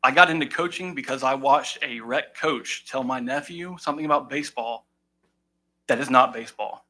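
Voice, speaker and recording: A man's voice: medium pitch, moderate pace, bright, forceful tone, rough recording. A young man, a volunteer baseball coach, speaking earnestly and with frustration during public comment at a county meeting. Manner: earnest, frustrated, holding back emotion.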